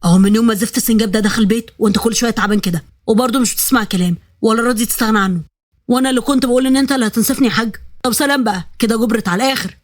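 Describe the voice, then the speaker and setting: A woman's voice: a little high, racing, close to an everyday voice. A woman voicing a nagging, exasperated middle-aged mother with an Egyptian accent. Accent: Egyptian Arabic.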